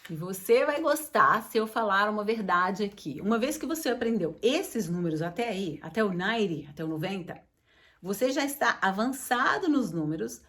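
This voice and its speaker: Woman as a friendly video teacher; chatty explanations, slow careful examples. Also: medium pitch. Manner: lively, switches between Portuguese explanation and slow English examples; friendly, addresses viewers as gente. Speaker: English teacher. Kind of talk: casual video lesson.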